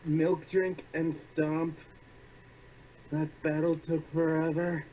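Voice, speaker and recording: A young man co-hosting a film review, chatty and a little halting as he adds his points. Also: a little high, flat delivery, background noise. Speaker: reviewer co-host. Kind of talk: casual review chat.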